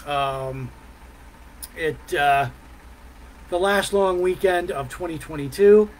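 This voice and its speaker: A middle-aged man with a noticeably high voice hosts a casual live vlog. He wanders through his thoughts haltingly, with frequent pauses and mm sounds. There is clear background noise in the room. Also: low-quality recording. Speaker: host of a live music and beer review vlog. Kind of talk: casual rambling live chat. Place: small decorated room at home, indoors.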